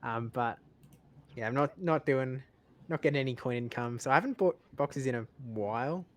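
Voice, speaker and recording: A man chatting casually on a podcast, rambling and haltingly repeating words as he thinks aloud. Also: mid-range voice. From lives in Australia. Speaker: podcast panelist.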